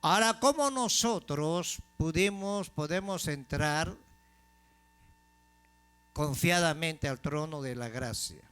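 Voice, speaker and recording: A man preaching a sermon as pastor, asking the congregation questions and slowing down to stress key phrases. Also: a little high, lively intonation, fairly bright tone, smooth. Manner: call-and-response questions to the congregation.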